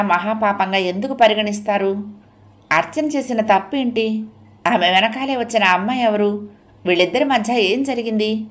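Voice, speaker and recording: Female storyteller reading a novel aloud; steady, expressive delivery. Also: mid-range voice. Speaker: narrator.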